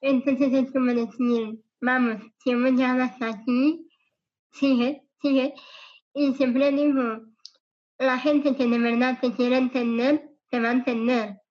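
Woman, altered strained voice after cancer, high-pitched, slow and earnest, dull lo-fi sound. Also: level tone. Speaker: podcast guest. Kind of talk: interview conversation.

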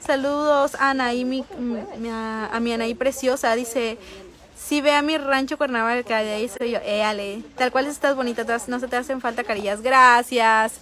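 A young Mexican woman with a notably high voice talks in a bubbly, gushing way as she does her makeup live. She chats warmly and quickly with fans, reading their comments and thanking them over and over. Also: steady tone. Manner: bubbly, effusive, chatty with fans. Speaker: makeup streamer. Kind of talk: casual live-stream chat. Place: small table in a corner of a public venue.

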